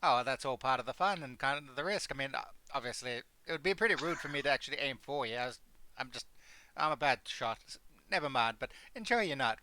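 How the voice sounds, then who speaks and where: A man's voice: mid-range voice, expressive, quick pace, pushed and bright, no echo. A man playing a tabletop game, talking bluntly and swearing casually.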